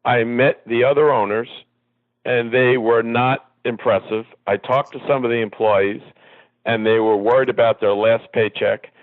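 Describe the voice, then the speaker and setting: A man being interviewed as a guest, telling long rambling anecdotes with many pauses and ums. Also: medium pitch, steady tone, dry recording. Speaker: guest, former soccer executive. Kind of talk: reminiscing interview storytelling. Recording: tinny phone line.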